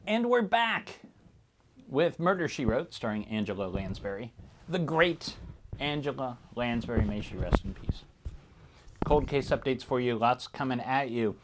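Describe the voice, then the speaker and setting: A man's voice: mid-range voice, normal speed, background noise. A man hosting a true crime podcast, giving informal, conversational commentary on the news.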